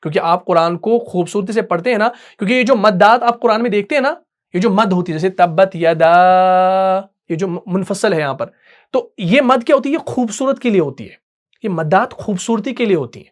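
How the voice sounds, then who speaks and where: A man's voice: high voice, expressive, fairly quick. A man teaching an online Quran recitation class, explaining patiently and often checking that students follow.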